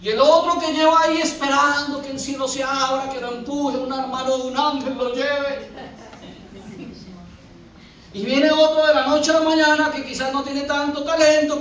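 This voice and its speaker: A man with a very high voice preaches in a church, animated and theatrical as he acts out scenes in different voices. The sound is very echoey and a bit distant, as if miked from the back of a large hall. A faint hiss of room noise sits underneath. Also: moderate pace. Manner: animated storytelling, acting out little scenes in shifting voices. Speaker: pastor. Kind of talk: sermon.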